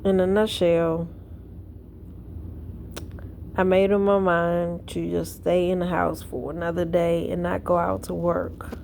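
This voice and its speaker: A woman's voice: fairly low pitch, flat delivery, slow, creaky, long pauses, a little mellow, slight background noise. A woman vlogging from home in casual chat, tired and yawning, telling a rambling story. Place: at home indoors.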